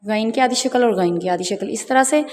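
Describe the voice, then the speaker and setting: A woman teaching the Urdu alphabet, calmly naming each letter and its half forms one at a time. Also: a little high, a little fast, long reverb tail. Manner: patient, spells out letters one by one. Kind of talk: slow teaching walkthrough of letters.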